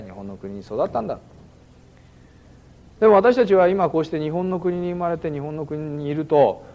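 A man's voice: on the high side, a little mellow, dull audio, slight background noise. A man giving a sermon as a pastor, conversational and dotted with fillers, in a church hall. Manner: conversational preaching with frequent "ano" fillers.

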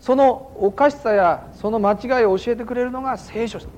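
A pastor with a very high-pitched, darkish voice preaches fairly quickly in a church hall, against slight background noise. His sermon is conversational and full of "ano" fillers.

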